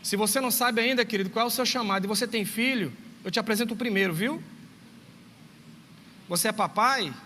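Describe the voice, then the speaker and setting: Lively male speaker with a high voice. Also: fairly quick. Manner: lively storytelling, acts out dialogue, addresses listeners directly. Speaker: teacher speaking to parents. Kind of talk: church talk to parents. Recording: long reverb, faint background noise.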